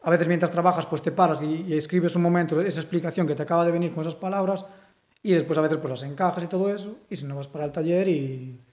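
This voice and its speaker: A young sculptor from Galicia, Spain, speaks with a Galician Spanish accent in a fairly high voice, talking fast in a reverberant space. In this casual interview he's relaxed and rambles with lots of fillers.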